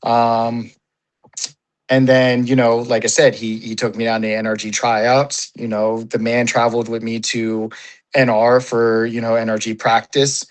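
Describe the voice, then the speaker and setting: A man's voice: medium pitch, little pitch movement, a little slow, low-quality recording. A man talking as an interview guest, rambling and swearing freely, with constant "you know" and "like". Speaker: paintball player, interview guest. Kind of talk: casual interview.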